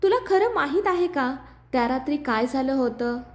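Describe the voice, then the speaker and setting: A woman's voice: sits high, lively intonation, normal speed. A woman voicing a taunting male villain. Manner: taunting, mocking. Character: scheming male villain taunting over a speaker.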